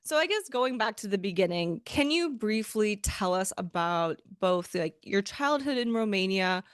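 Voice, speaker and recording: A woman hosting a podcast, moving from a polished, formal introduction to relaxed conversational questions. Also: mid-range voice, normal speed, smooth, no echo, studio quality. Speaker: podcast host. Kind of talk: scripted intro and interview questions.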